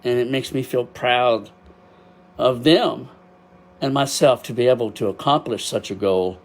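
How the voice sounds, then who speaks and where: An emotional older Texan man rambles through a casual solo podcast he hosts, laughing often in an unhurried, mid-range voice. Being deaf and unable to hear himself, he gets loud at times. He records on a built-in webcam microphone.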